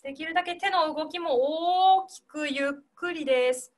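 A woman teaching singers in an online class, explaining gently and demonstrating breath and consonant sounds over a video call. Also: high voice, moderate pace. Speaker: singing teacher.

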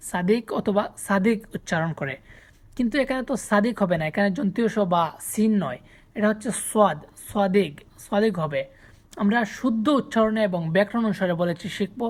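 A woman from Bangladesh teaching a vocabulary lesson, saying each word slowly and repeating it with its meaning. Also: mid-range voice. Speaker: language teacher.

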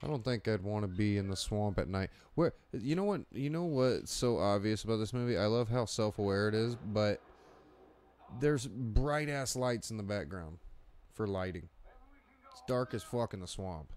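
Young man, low voice, casual movie commentary, crude jokes, laughs a lot. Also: expressive, normal speed, a little mellow, slight background noise. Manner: crude, joking, laughs often.

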